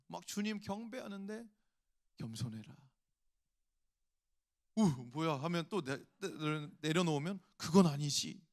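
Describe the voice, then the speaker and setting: Preaching a sermon, a man who serves as a pastor shares a personal story, voicing the thoughts in his head, before climbing into emphatic appeals. His voice is a little high.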